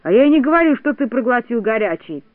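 A man reading the part of a carefree, boastful little boy who writes silly verses, in a lively, cheeky way. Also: very high-pitched, fast talker, no room sound. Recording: tinny phone-like dry sound.

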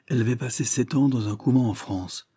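Guy reading a novel out loud, warm mellow voice, bone dry close sound. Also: mid-range voice, brisk, husky, no echo. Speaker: audiobook reader. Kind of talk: scripted narration of a novel.

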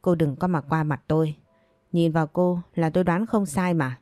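A woman's voice: low-pitched, fairly even intonation, moderate pace, no echo, studio quality, natural voice. Woman voicing a scolding village mother. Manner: sharp, scolding. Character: stern village mother scolding her daughter.

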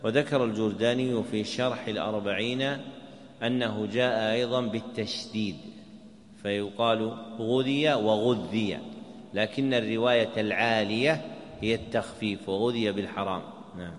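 A man, a sheikh teaching a class, gives measured commentary on a text and quizzes his students. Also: fairly low pitch, fairly even intonation. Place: mosque. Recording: echoey mosque hall.

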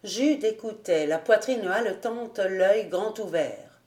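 A woman narrating a classic novel as an audiobook, in a measured, expressive reading. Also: medium pitch. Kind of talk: scripted narration. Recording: roomy echo.

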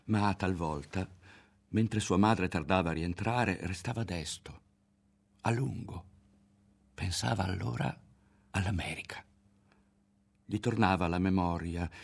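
A man giving a literary audiobook narration in a measured, dramatic reading. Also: deep voice, vocal fry, husky. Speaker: audiobook reader.

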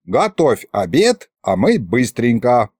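Man voicing dragon's left head, very high, whiny, indignant, touchy, storybook. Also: huge pitch swings, unhurried, darkish tone, dry recording, studio quality, heavily acted. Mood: bossy. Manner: whining, indignant.

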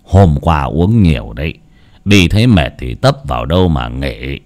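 A man voicing an old grandfather in his seventies who gives slow, heavy, solemn advice. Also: a bass voice, very animated, darkish tone, voice pushed down, heavily acted. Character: old grandfather with walking cane, grave.

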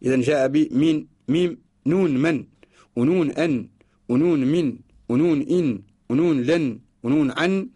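A man with a Mauritanian Arabic accent giving a radio lesson, slowly recites each example and repeats it word by word to explain it. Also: fairly high pitch, dark tone, husky. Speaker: teacher of Quranic orthography. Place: radio studio.

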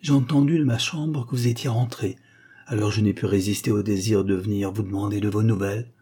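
A man's voice: lowish voice, steady tone, dark tone, husky. A man voicing a timid, poor young clerk who speaks tenderly and hesitantly. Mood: timid, wistful. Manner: timid, halting.

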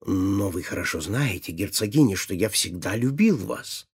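A husky-voiced man voicing a vain, quick-tempered prince who speaks haughtily and flares up in anger, in a storybook reading. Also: fairly low pitch, lively intonation, heavily acted. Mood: pleading. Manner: haughty, prone to angry outbursts.

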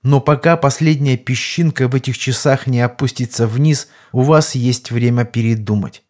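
A man reading an audiobook, voicing a weary male archmage who explains things gravely and with a slightly apologetic tone. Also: mid-range voice, normal speed, darkish tone, close to an everyday voice. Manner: explaining gravely, somewhat glum.

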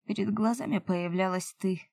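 A woman reading an audiobook voices a young male elf lover who pleads softly and earnestly. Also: medium pitch, moderate pace, gravelly, dry recording. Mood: pleading.

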